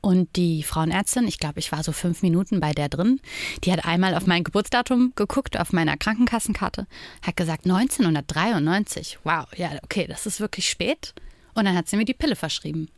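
A woman's voice: on the low side, fairly quick, no echo, clean studio sound. Candid, reflective woman in her thirties. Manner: reflective, openly personal, frequent tag questions. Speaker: podcast guest, author. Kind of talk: candid personal interview talk.

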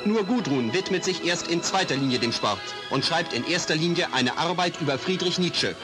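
A man's voice: a little high, expressive, normal speed. A man announcing in a formal 1950s newsreel narration style, heard as an old newsreel soundtrack. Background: music.

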